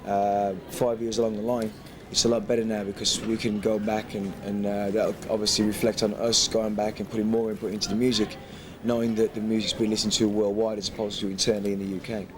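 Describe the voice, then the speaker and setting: A man's voice: lowish voice, flat delivery, quick pace, hardly any pauses. A man from England, chatting in a casual interview, rambling, swearing and laughing often. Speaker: guest DJ. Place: airport. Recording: noisy location recording.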